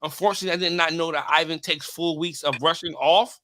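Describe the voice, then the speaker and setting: A man in casual group banter, talking in an animated, profane way and repeating phrases for emphasis as he hosts. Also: on the high side, fast talker, no echo, clean studio sound. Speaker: host judging a hair wave competition.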